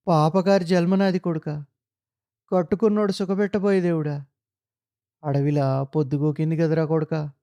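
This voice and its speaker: A man's voice: high voice, darkish tone, smooth, pitched above the performer's own voice, natural voice. A man voicing a grieving village mother who keens over her dead son in a sing-song lament. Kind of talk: dramatic storytelling.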